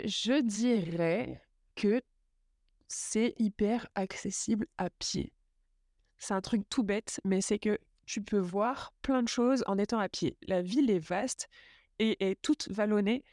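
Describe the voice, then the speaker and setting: A young woman hosting a podcast, chatting enthusiastically about a trip, with lots of fillers and quick asides. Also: medium pitch, darkish tone, no echo, clean studio sound. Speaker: podcast host. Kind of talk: casual travel chat.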